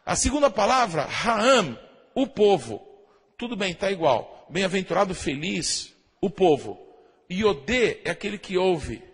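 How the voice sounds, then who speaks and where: High, husky-voiced preacher in a reverberant hall. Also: male voice, very animated, unhurried. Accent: Brazilian Portuguese. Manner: calls out "amém?" to the congregation, imitates shofar blasts, shouts. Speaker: pastor. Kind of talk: sermon.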